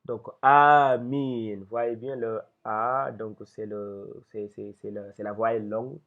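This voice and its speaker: A man's voice: on the low side, little pitch movement, gravelly. A man teaching Arabic reading step by step, patient and spelling out syllables one at a time. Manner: slow and patient, with many restarts and syllable-by-syllable spelling. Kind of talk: step-by-step lesson. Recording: tinny phone-like sound.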